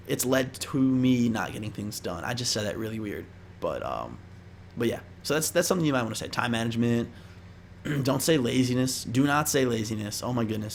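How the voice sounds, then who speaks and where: A young adult vlogger talks viewers through interview tips, casual and rambling with lots of slang. His voice is mid-range, and a slight hiss or hum runs under it.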